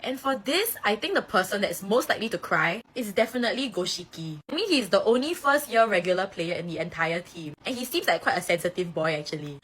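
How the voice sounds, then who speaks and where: A woman's voice: medium pitch, expressive, quick pace, hardly any pauses, fairly bright tone, breathy edge. A woman telling playful fan stories in a chatty, casual way, switching into character voices. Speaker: anime fan video host. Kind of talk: casual storytelling commentary.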